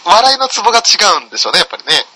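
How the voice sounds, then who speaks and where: Casual chat from a guy with a super bright, sharp voice, jumping up and down in pitch, reads listener mail and teases his cohost. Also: sing-song, rapid-fire, rough recording. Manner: bright, laughing, teasing. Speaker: podcast host reading listener mail.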